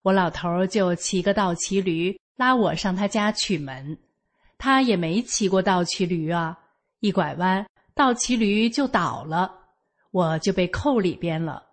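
An older woman from Northeast China, speaking with a Northeastern Mandarin accent, tells a personal story in a homely, matter-of-fact manner. Her voice is on the low side, animated, and a little slow.

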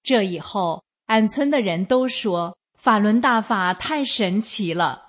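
A woman giving a scripted reading of a first-person account in a slow, even, measured way. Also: medium pitch.

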